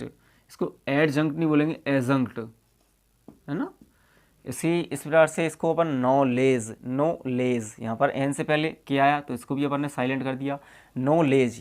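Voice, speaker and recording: A man teaching English in a casual, classroom-style way, slowly spelling out letters and repeating each example word. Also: fairly high pitch, clean tone. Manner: colloquial, repeats checks like "okay" and "see here".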